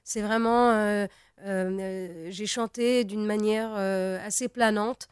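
A young woman from Tunisia, a native Arabic speaker, talks through an interview as a singer, pausing often and restarting her sentences. Her voice is smooth and resonant, recorded close and dry. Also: mid-range voice, steady tone, no room sound. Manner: hesitant, many fillers and restarts. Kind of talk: interview conversation.

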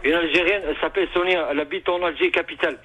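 A man with a northern French accent calling in to a radio show, his voice pitched high for a man. He is eager but halting and keeps repeating himself. He comes across as friendly and talkative. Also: steady tone, bright, forceful tone, a little hiss or hum, low-quality recording. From Tunisia. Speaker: radio caller. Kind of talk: casual call-in chat.

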